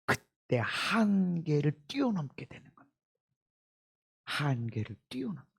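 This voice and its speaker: A middle-aged male pastor delivers a sermon in a high, gravelly voice. He leaps from emphatic shouts down to hushed near-whispers. He drives points home by repeating phrases. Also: big pitch swings, a little slow.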